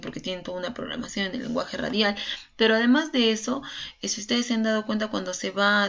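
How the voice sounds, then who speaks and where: A woman's voice: medium pitch, creaky, a bit bright. A woman teacher giving an online class, chatty and full of fillers and tag questions, a little nervous. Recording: dull lo-fi online class audio.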